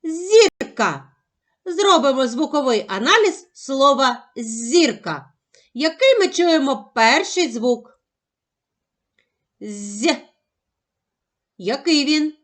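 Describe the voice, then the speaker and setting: A woman teaching a phonics lesson to young children, sounding out syllables slowly and carefully. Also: high voice, big pitch swings, a bit bright. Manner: slow, careful, over-articulated sounding out of syllables.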